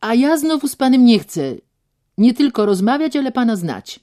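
A woman's voice: fairly high pitch, big pitch swings, normal speed, pitched above the performer's own voice. A woman voicing a proud young woman who answers coldly and defiantly, raising her voice. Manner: cold and defiant, loud.

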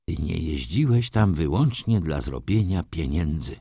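A man's voice: very deep voice, sing-song, measured pace, creaky, mellow, husky, dry recording, clean studio sound, exaggerated voice. A man voicing an old male clerk, dreamy yet blunt, who talks insistently. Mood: pressing. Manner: pressing, insistent.

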